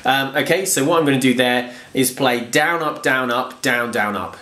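The clip features a casual guitar lesson: a mid-range male voice at normal speed, chatty and self-deprecating, counting strums aloud while congested from a cold. It's recorded in an echoey home room with bookshelves, with guitar playing throughout.

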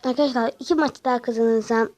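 A young woman giving casual gameplay commentary, talking straight to her viewers with frustrated, excitable outbursts. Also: on the high side, fast, poor audio.

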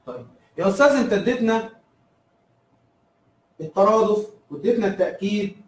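Egyptian male teacher, high-pitched and quick, drills terms by repeating them, echoey room, off-mic. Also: lively intonation, far from the mic. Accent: Egyptian Arabic. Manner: asks and answers his own questions, repeats key terms. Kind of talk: recorded review lesson.

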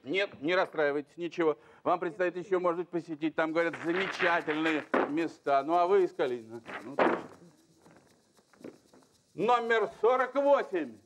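High-pitched male bingo caller, noisy recording. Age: middle-aged. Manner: drawn-out, emphatic calling of numbers. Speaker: lottery show host. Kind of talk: bingo caller presenting a TV lottery draw. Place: large TV game show studio with audience. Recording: noisy old TV studio recording with clicks.

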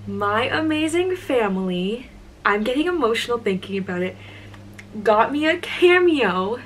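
A young woman sits at home and talks straight to her camera in an excited, gushing storytime vlog. Her voice sits at an ordinary middle pitch, and she often drifts into emotional bursts, with "like" scattered through her speech. A faint hum from the room runs under her voice. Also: low-quality recording. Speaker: YouTuber.

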